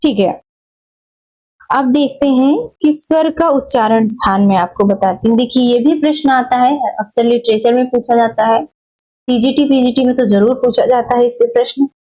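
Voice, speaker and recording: Her voice a little high and warm, a woman delivers a Hindi grammar lesson at a moderate pace on a low-quality recording. The explanation is repetitive, punctuated by frequent "theek hai" check-ins, with drawn-out vowels as examples.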